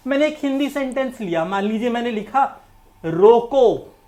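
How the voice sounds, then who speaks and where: A woman's voice: fairly high pitch, lively intonation, normal speed, dark tone. Woman teaching english grammar in hindi. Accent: Indian. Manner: explains step by step, mixing English terms into Hindi. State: coughing, needs water. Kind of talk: exam-prep lecture.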